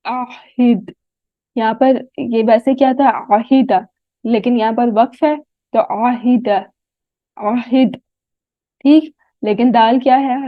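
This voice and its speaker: A woman with a Pakistani Urdu accent teaching a tajweed lesson, sounding out Arabic words slowly and often checking "right?" with her students. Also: fairly high pitch, dry recording. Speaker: Quran recitation teacher. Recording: tinny phone-like dry audio.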